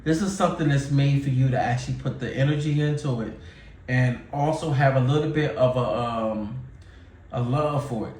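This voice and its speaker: A man's voice: medium pitch, moderate pace, a little mellow. Guy in his 40s talking straight to camera, loose and chatty, mic kinda far off in an echoey room. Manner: candid, repetitive, conversational with fillers. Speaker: YouTuber. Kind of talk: casual talking-head advice. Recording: roomy sound, mic set back.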